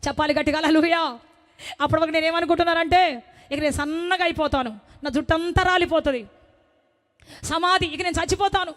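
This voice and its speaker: A young woman preaching her own testimony in a very high, bright voice. She speaks with fervent, pleading emotion and keeps climbing into loud, crying appeals. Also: steady tone, fairly quick, pauses often. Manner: fervent, pleading, often rising to loud cries.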